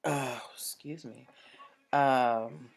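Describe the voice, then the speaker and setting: A woman's voice: very deep voice, fairly even intonation, very slow, gravelly. A woman hosting a live-streamed show about business and legal topics, chatty and upbeat, talking straight to viewers, with the hiccups. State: has the hiccups. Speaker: host.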